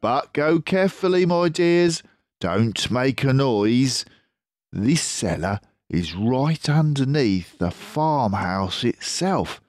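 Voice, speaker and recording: A man's voice: medium pitch, expressive, slow, a little mellow, no room sound, pitched above the performer's own voice. A man voicing an enthusiastic, commanding adult father fox in a storybook reading, assured and exclaiming. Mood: pleased, cautioning.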